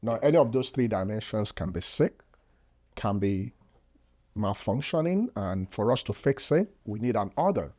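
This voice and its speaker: A man's voice: lowish voice, expressive, normal speed, warm tone. A man from Nigeria with a Nigerian accent, a podcast guest and physician, explaining earnestly with frequent fillers. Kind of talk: casual interview talk.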